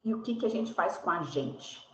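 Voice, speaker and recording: A woman host and fellow clinician speaking in a measured, reflective way over a video call. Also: fairly low pitch, animated, fairly bright tone, highs cut off. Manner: measured, reflective, builds on the guest's points. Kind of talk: reflective conversation in an online talk. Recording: echoey room, faint background noise.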